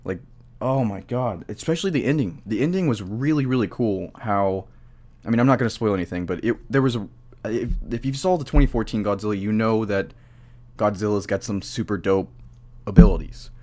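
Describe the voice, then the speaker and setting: Drunk young man, rambling, on the low side. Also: darkish tone. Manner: rambling, halting, swears freely, losing his train of thought. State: drunk, tipsy. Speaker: amateur film reviewer. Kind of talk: casual rambling movie review.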